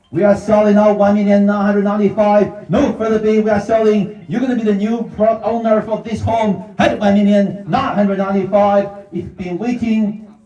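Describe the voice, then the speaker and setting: At a live property sale in front of assembled buyers, a real estate auctioneer with a high, mellow voice calls bids like a showman, repeating short phrases. The recording has its highs cut off, echoes, and was captured from far away.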